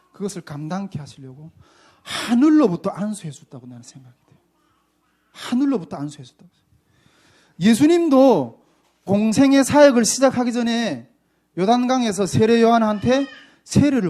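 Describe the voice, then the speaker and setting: A middle-aged male pastor giving an emphatic testimony sermon, swinging between loud and soft. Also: sits high.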